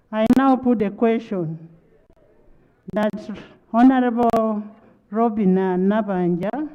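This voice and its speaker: A Ugandan-accented speaker of parliament chairs a debate formally. The voice is smooth and resonant, moving slowly and with deliberate authority. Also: mid-range voice, lo-fi sound. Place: large parliament chamber.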